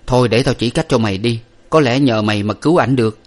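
Man as a commanding young gentleman. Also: medium pitch, fast, close to an everyday voice. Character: young gentleman master, dazed but commanding.

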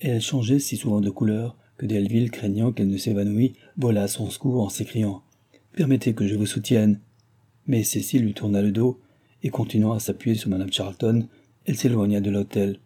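A man reading a classic novel aloud in a steady, measured narration. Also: fairly low pitch, breathy edge. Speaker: audiobook reader.

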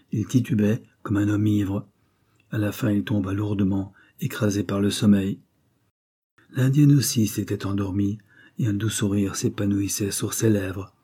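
A man reading a novel aloud in steady, even narration. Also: lowish voice, breathy edge. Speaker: audiobook narrator.

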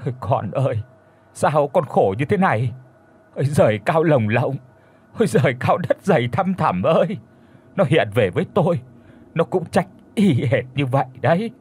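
A grief-stricken mother wails and pleads in a raised, lively voice, as a male narrator puts her on. Her voice is husky, with a Northern Vietnamese lilt, in a horror audiobook. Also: a little high, normal speed. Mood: anguished. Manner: wailing, pleading. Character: grieving, frantic middle-aged mother.

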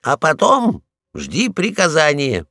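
A man voicing a pompous, bossy male guard dog in a storybook reading, loud and commanding. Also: a little high, wildly swooping pitch, slow pace, no room sound, clean studio sound, voice pushed up, full character voice.

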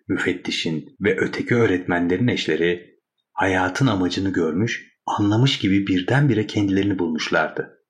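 Lower-voiced man reading a classic story. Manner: measured, wry storytelling. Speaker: narrator. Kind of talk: audiobook narration of a classic story.

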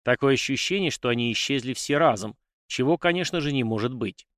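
A man's voice: mid-range voice, expressive, brisk, a bit bright, no room sound, studio quality, close to an everyday voice. A man voicing a timid, servile male steward who reports in a formal, deferential way.

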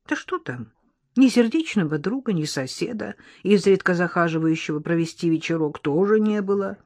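Female audiobook narrator, wry, even, mid pitch, dry close sound. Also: no echo. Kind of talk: scripted narration.

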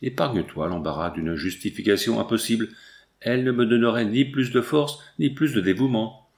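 A man voicing a young man, a stern and protective brother, speaking gravely and solemnly in a storybook reading. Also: medium pitch, moderate pace, close to an everyday voice. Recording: roomy echo.

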